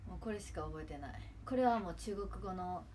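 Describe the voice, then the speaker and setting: Young woman w/ chatting on stream, lowish voice, rambly, faint hiss behind. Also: a little fast, a little mellow. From Japan. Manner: rambling, chatty, trailing off to near mumbles. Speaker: idol livestreamer. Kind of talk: casual livestream chat.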